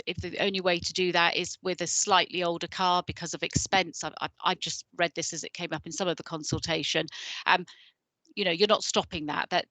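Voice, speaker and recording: A woman's voice: on the low side, fairly bright tone, no echo, poor audio. A woman officer explaining licensing policy on a video call, hesitant with many restarts and fillers. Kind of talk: explaining policy in an online meeting.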